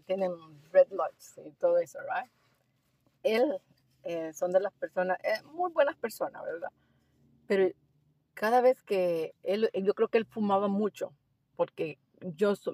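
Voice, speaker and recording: A woman recounts a story from her work as a driving instructor in a relaxed interview. She talks with lively animation and slides English phrases into her Spanish. The sound is close and dry. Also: medium pitch, unhurried, no echo.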